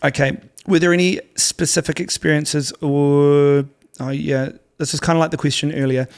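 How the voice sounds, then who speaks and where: Gravelly laid-back male podcast host. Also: on the high side, fairly even intonation, moderate pace. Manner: easygoing, supportive, laughs often. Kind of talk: casual interview chat.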